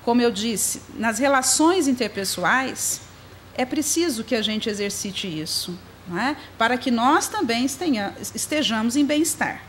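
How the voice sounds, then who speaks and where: Woman, spiritist lecturer, fairly high voice, very lively intonation, rhetorical questions, faint hiss behind. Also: moderate pace. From Brazil. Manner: asks rhetorical questions with frequent tag questions; speaks to listeners directly, inviting them to observe. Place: spiritist center lecture room.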